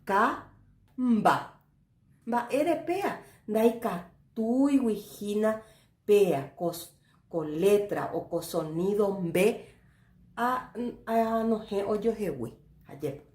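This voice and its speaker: A woman teaching a Guarani language lesson, explaining slowly and checking understanding with little questions. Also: medium pitch, animated, dark tone, reverberant. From Paraguay.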